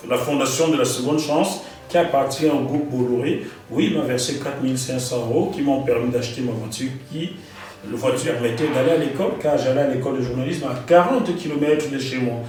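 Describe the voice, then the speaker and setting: A man from Gabon, a guest in an interview, telling his story in an animated way and repeating words as he recalls details. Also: mid-range voice, a little fast, very echoey, distant mic, low-quality recording.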